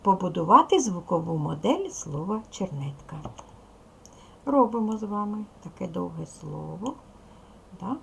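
A woman's voice: on the low side, very animated, measured pace, gravelly, a bit bright, slight background noise. A woman teaching second graders in a recorded video lesson, patiently spelling out sounds and syllables one by one. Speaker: primary school teacher.

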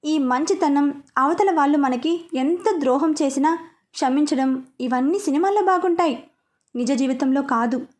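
A woman's voice: high-pitched, normal speed, darkish tone, lightly acted. A woman voicing a caring, confident young husband in a read-aloud story. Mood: tender.

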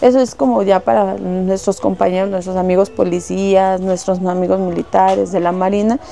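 A Mexican saleswoman in a shop walks through the goods one by one, giving wholesale prices. She talks casually and is fond of diminutives. Her voice is mellow and warm, at an ordinary pitch for a woman. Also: steady tone, moderate pace, creaky. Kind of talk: casual product showcase. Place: shop indoors.

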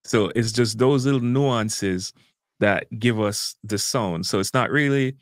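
A man's voice: lowish voice, measured pace, no echo, clean studio sound. A Jamaican man with a Jamaican accent, earnestly explaining in a casual interview. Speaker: guest language educator.

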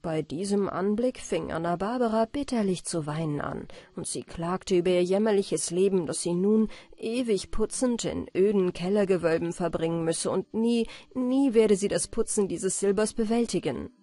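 A woman reading a fairy tale aloud as a bedtime audiobook, calm and expressive. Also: medium pitch, moderate pace, few pauses, no echo. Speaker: audiobook reader.

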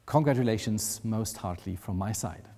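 A middle-aged German-accented man reads out award winners with measured, ceremonial pride. His voice is dark and mellow, and a long reverb hangs behind it in the room. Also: lowish voice. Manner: measured, proud ceremonial delivery. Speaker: award presenter. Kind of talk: formal speech to camera. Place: wood-panelled room, indoors.

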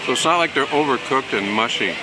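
A man's voice: mid-range voice, fast talker, heavy background noise. A man chewing while he talks, chatting casually as he reviews food on camera. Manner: relaxed, chatty, rambling with fillers. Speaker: theme park food vlogger. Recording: loud background music.

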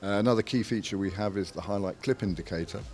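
Brief: deep-voiced male spokesman, measured and hesitant. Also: a little mellow. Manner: measured, frequent "uh" pauses between phrases. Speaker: camera maker's representative. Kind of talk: technical product interview.

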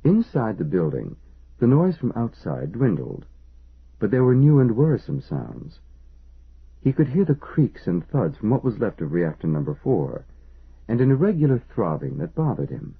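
A man reading an audiobook as narrator, in measured, lively storytelling. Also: fairly low pitch, gravelly, slightly rough. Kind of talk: scripted narration. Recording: tinny phone-like band.

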